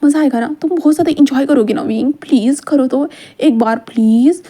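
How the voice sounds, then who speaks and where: A woman's voice: sits high, mellow, natural voice. A woman doing a teasing young male lover. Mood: teasing, coaxing. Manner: playful, coaxing, drawn-out endearments.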